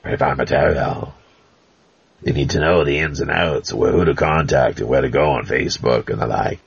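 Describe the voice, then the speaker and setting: Male podcast guest, relaxed and plain, rock-bottom husky voice, muffled lo-fi audio. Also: rumbling low, moderate pace. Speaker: regular guest. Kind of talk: casual chat. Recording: dull lo-fi sound.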